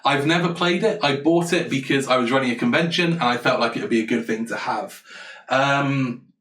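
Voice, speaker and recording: Designing a board game live, a man whose first language is English talks briskly in a fairly bright, medium-pitched voice. He rambles with enthusiasm as he replies to his chat, captured in a roomy recording with the mic at a distance.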